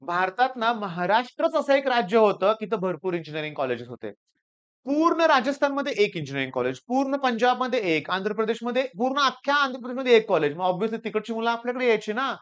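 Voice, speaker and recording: Male teacher from Maharashtra, storyteller, smooth voice, slightly lo-fi sound. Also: sits high, quick pace. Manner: animated storytelling, acts out quoted students and seniors. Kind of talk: storytelling advice to students.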